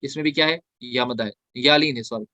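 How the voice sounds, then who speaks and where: Brief: male Quran recitation teacher, mid-pitched, explains patiently and chants verses drawn out, dry close sound. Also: quick pace, sharp tone, no room sound. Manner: explains step by step, asking questions and answering them himself. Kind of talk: online tajweed lesson.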